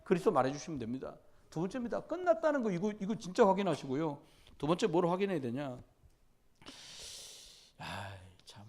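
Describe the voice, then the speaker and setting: A male pastor preaching a midweek church sermon, swinging between loud exhortation and quiet storytelling, and often putting questions straight to the congregation. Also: on the high side, very animated, fairly quick, pauses often. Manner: conversational, addresses congregation directly with questions.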